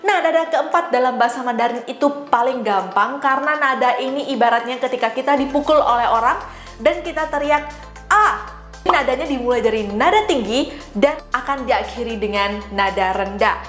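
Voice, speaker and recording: A woman teaching a language lesson, demonstrating sounds and tones slowly and carefully. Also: fairly high pitch, roomy sound, faint music behind. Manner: slow, careful, exaggerated tone demonstrations. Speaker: Mandarin teacher.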